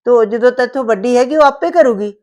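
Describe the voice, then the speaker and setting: A woman's voice: fairly high pitch, quick pace, darkish tone, muffled recording, close to an everyday voice. An actress with a Punjabi accent playing a stern, suspicious older mother-in-law who scolds and lectures, in a village short-film drama. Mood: scolding.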